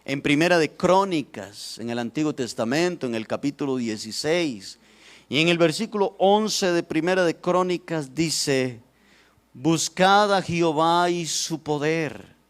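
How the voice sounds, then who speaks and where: A man's voice: fairly high pitch, animated, measured pace. A man preaching a sermon, acting out cries and asking the congregation questions. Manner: dramatic, shouts the blind man's cries.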